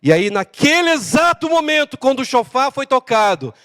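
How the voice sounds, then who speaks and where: A Brazilian man preaching a sermon as pastor, acting out dialogue with lively changes of voice. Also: very high-pitched, normal speed, smooth. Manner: animated preaching with acted-out dialogue. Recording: long hall reverb.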